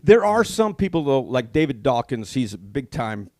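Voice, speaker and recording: A man's voice: mid-range voice, very animated, moderate pace, darkish tone, no room sound, clean studio sound. A middle-aged man co-hosting a podcast in casual chat, telling stories earnestly about his faith. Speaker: podcast co-host.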